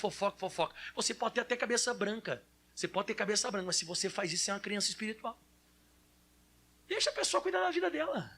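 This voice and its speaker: A man in his thirties preaching as a pastor in church, lively and animated, acting out children's whiny voices. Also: high voice. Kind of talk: sermon.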